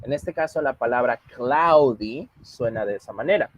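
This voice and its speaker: Husky-voiced teacher explaining patiently. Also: male voice, medium pitch, moderate pace, rough recording. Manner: patient, explains step by step and mixes Spanish with English. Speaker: English teacher. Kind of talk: online English class.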